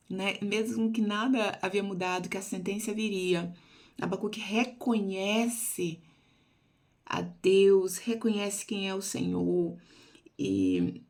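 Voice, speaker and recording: Gravelly-voiced woman teaching scripture. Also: mid-range voice, a little mellow. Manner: earnest, reads scripture aloud slowly. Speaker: Bible teacher. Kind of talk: devotional Bible teaching.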